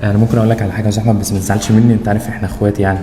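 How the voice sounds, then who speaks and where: A man's voice: fairly low pitch, little pitch movement, rapid-fire, background noise, natural voice. Man playing a confiding Egyptian neighbor, echoey. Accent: Egyptian Arabic. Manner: hesitant, confiding. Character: friendly neighbor engineer, adult man, concerned. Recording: echoey, reverberant room.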